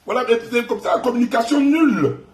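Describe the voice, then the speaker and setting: A man's voice: very high-pitched, fast, roomy sound. A man with a Gabonese French accent hosting an online live stream, taunting and insulting a rival in a mocking, repetitive rant.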